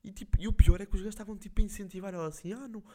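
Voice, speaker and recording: A young man with a European Portuguese accent, hosting a podcast and telling stories casually in slangy, animated, jokey speech. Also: sits high, racing. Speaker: podcast host. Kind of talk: casual storytelling.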